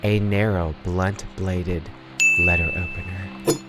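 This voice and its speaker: A man giving casual horror game commentary as a streamer, excitable and full of teasing jokes. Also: sits low, slow, over loud music.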